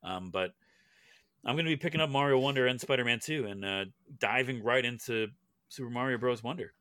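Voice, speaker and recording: A man's voice: medium pitch, brisk, fairly bright tone, dry recording, clean studio sound. A young man hosting a casual gaming podcast, joking and swearing freely as he reads the news. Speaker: podcast host.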